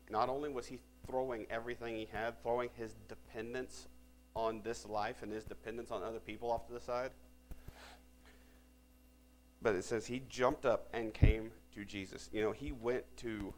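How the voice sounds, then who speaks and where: Gravelly low-voiced male preacher. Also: a little hiss or hum, poor audio. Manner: conversational, self-correcting preaching. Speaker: pastor. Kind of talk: sermon. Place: church.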